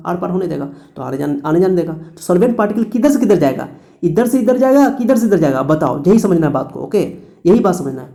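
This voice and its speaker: A man's voice: sits high, mellow. A male chemistry teacher giving a classroom lecture, posing questions and answering them himself, often correcting his own slips.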